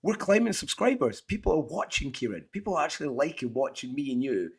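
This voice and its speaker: A Scottish man with a hoarse, half-lost voice, chatting casually and enthusiastically as host of a fantasy football show. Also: on the high side, very animated, quick pace. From Scotland. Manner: matey, rambling, enthusiastic. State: hoarse, voice partly lost from shouting. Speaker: podcast host.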